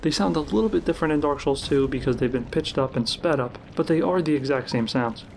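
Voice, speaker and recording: A man giving measured, explanatory scripted narration for a countdown-style video of game trivia. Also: fairly high pitch, vocal fry, a little mellow, a little hiss or hum. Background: background music.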